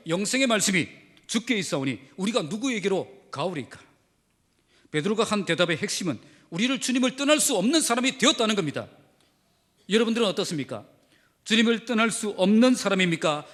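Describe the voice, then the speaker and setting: A man's voice: high-pitched, fairly bright tone. A male pastor delivering a sermon with emphatic preaching and rhetorical questions to his congregation. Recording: reverberant hall sound.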